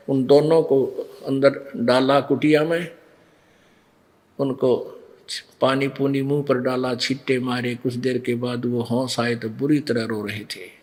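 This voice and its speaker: A man preaching a devotional sermon, telling a story and acting out what the figures say. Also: medium pitch. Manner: slow storytelling that acts out the figures' lines.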